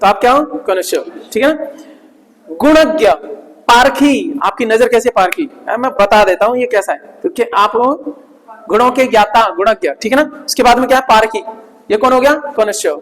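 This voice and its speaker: Speaking at a normal speed with a slightly bright tone, a man whose voice is notably high teaches a class new words, drilling each one several times. "Right?" punctuates nearly everything he says. The classroom, fitted with a projector, is echoey and leaves a long reverb.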